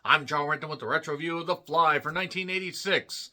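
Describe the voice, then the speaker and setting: Bright-voiced man joking through a movie review. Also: a little high, quick pace. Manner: jokey, rambling asides with wordplay and self-mockery. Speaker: film reviewer. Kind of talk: casual solo movie review.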